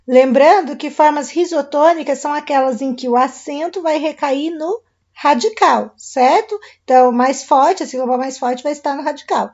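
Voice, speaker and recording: A woman's voice: high-pitched, normal speed, darkish tone, highs cut off. A woman teacher with a Brazilian Portuguese accent giving a recorded online grammar lesson, explaining step by step and checking in with her students.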